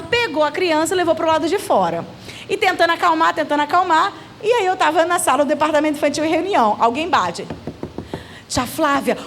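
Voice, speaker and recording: A Brazilian woman giving a church seminar talk, telling stories with lively acted-out voices. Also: high voice, slight background noise. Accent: Brazilian Portuguese. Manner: animated, acting out the voices in her stories. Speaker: children's ministry leader and speaker. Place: church event hall.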